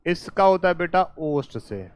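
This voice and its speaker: A man's voice: on the high side, big pitch swings, moderate pace, no room sound. A male teacher giving a classroom lecture at a board, coaxing students with repeated quiz questions and calling them "beta". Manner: calls listeners "beta".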